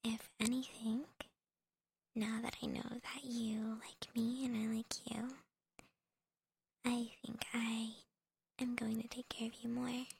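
Breathy whispering young woman, very close. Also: on the high side, level tone, slow, pauses often. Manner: soft teasing whisper with little laughs. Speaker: ASMR roleplay performer. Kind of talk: whispered girlfriend ASMR roleplay. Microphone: close microphone.

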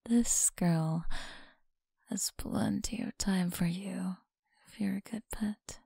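A young woman voicing a teasing, possessive school bully in an ASMR roleplay, speaking in a slow, mocking, breathy whisper close to the mic. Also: mid-range voice, warm tone, no room sound, exaggerated voice.

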